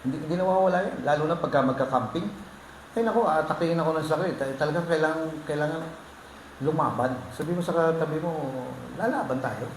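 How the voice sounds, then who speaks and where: Pastor guy joking around with the crowd mid-sermon, kinda high voice, roomy echo. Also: expressive, quick pace. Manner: joking, teasing the congregation. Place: church hall. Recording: echoey hall with faint noise.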